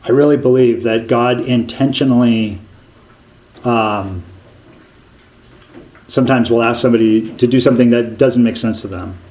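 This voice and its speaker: A man preaching a sermon, telling a story in an animated way and often restarting his sentences. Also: mid-range voice, normal speed, pauses often, low-quality recording.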